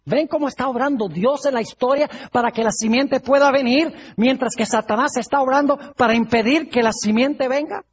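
A preacher with a husky, breathy voice tells Bible stories in a sermon and brings the quoted lines to life. The recording sounds dull and lo-fi. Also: sits high, normal speed, hardly any pauses. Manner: lively storyteller, acts out quoted lines.

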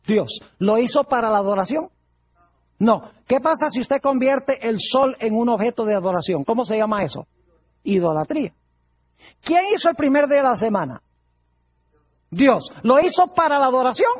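A man's voice: very high-pitched, lively intonation, normal speed, breathy edge, muffled recording. A male pastor preaching a sermon, putting rhetorical questions to his congregation.

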